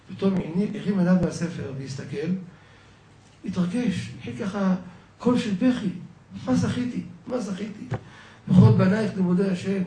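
An older man delivers a sermon, weaving emotional family stories into his lesson and turning to the audience again and again. His voice is mellow and dark, with a slightly raised pitch. He stands some distance from the microphone, and the room echoes noticeably around him. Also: a little hiss or hum. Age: 60s. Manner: emotional storyteller addressing the audience as "gentlemen". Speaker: rabbi giving a lecture. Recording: echoey room, speaker away from mic.

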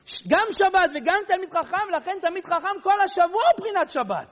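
A man preaching a sermon and telling stories, acting out the people in them with animated delivery. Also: very high-pitched. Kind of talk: sermon with storytelling. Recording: dull recording with long hall reverb.

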